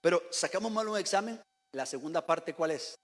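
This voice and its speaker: Pastor guy preaching in a church, pretty high voice, long hall echo, keeps asking the church questions. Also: animated, brisk, fairly bright tone. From Costa Rica. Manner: addresses the congregation directly with questions and calls to repeat. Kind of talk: sermon. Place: church sanctuary.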